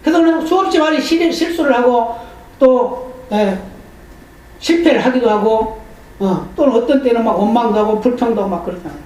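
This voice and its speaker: A man's voice: very high-pitched, brisk, darkish tone. A male pastor preaches in a church sanctuary, telling the story with animation and voicing the people in it. He is heard from a distance, and his voice rings through a large, very echoey hall. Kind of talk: sermon.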